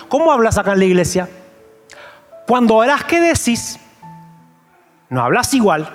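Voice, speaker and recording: Argentine male preacher, high voice, emphatic sermon with pleading questions, long church reverb over soft music. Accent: Argentine Spanish. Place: church sanctuary.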